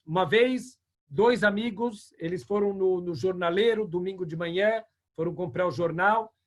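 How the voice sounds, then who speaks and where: Male rabbi, fairly high-pitched, animated storytelling lesson on a video call. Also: normal speed. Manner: animated storyteller, acting out dialogue. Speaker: rabbi teaching a class. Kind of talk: religious ethics lesson with storytelling.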